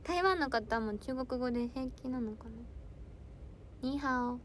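A woman's voice: sits high, measured pace, a little hiss or hum. A young woman idol hosting a casual solo livestream, chatting playfully with viewers and reading their comments. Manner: playful, giggly, tries out foreign words and dialect phrases.

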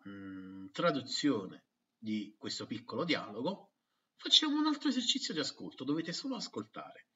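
A man teaching an English video lesson, slow and patient, with frequent fillers. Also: recorded from a distance, muffled recording. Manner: slow and patient, with lively pitch swings. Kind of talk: video lesson for middle-school pupils.

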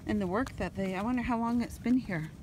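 A woman's voice: a little high, fast talker. Chatty woman vlogging outdoors. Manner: chatty, rambling, with fillers and small laughs. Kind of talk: casual walking vlog. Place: outdoors on a stone breakwater by the sea. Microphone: phone camera held by the speaker. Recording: noisy outdoor phone recording.

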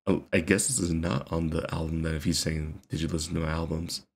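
A man's voice: a bass voice, steady tone, fairly quick, vocal fry, husky, faint music behind. A man giving casual reaction commentary, rambling with many fillers and casual swearing. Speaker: reaction video host.

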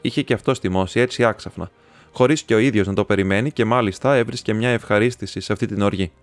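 A man's voice: on the low side, dry recording, faint music behind. A man reading a classic novel aloud as an audiobook, lightly changing his tone for the characters' lines. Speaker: audiobook reader.

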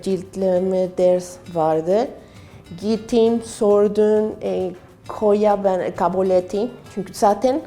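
A woman with a foreign accent speaks broken learner's Turkish in a personal interview, halting as she searches for words. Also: mid-range voice, dark tone. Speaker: artist and craft student.

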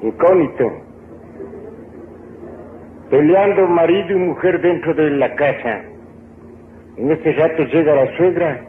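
A man calling a radio show to tell a joke, quick and acting out the argument. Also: on the high side, slight background noise. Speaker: radio caller. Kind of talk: telling jokes on air. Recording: old tinny radio broadcast, echoey.

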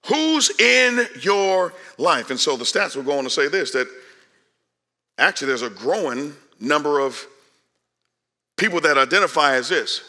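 A pastor in his forties, his voice on the high side, preaches at a measured pace from a large church stage. Animated yet conversational, he shifts from loud calls to hushed asides.

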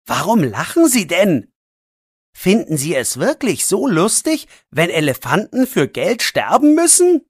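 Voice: medium pitch, huge pitch swings, measured pace, husky, no echo, clean studio sound, full character voice. A narrator voicing a defensive young teenage boy who argues back in a learner's audiobook. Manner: defensive, pleading. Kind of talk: audiobook role voice.

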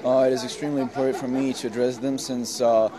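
A man's voice: medium pitch, flat delivery, quick pace. A young man answering an interview question earnestly, with many fillers, outdoors. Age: young adult. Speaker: young festival participant. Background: crowd chatter.

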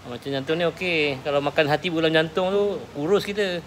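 Speaking fast in a mid-range voice, a Malaysian-accented food vlogger wanders around a roadside cafe, both outside and in, chatting casually. The vlogger curiously asks questions and echoes the replies, captured in a noisy handheld recording full of cafe sounds.

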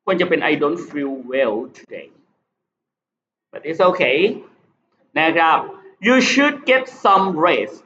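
High-voiced man teaching slow English. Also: sing-song, sharp tone, a little hiss or hum. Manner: reads English items slowly, explains in quick Thai. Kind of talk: exam prep lesson. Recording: dull lo-fi recording.

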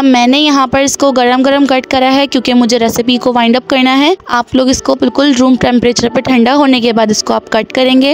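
A woman narrates a home baking tutorial. She explains each step in a steady instructional manner. Faint music plays under the voice-over. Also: sits high. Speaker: cooking channel host.

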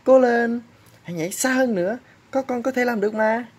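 A woman's voice: on the high side, brisk, a little mellow, slightly rough. A woman voicing a caring, encouraging mother kangaroo, coaxing as she reads a storybook to a toddler. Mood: cheering.

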